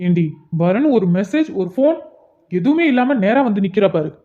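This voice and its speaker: A man's voice: high-pitched, animated, fairly quick. A man voicing an earnest young man in a cartoon, talking to his friend about his troubled little sister. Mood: friendly. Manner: earnest, pleading, calls his friend "machan". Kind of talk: cartoon voice acting. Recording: dull lo-fi sound.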